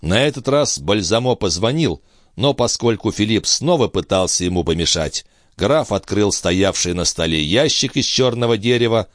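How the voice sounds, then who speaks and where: A man reading a novel aloud as an expressive audiobook narrator. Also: fairly low pitch, normal speed, no echo, studio quality. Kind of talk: scripted narration of a classic novel.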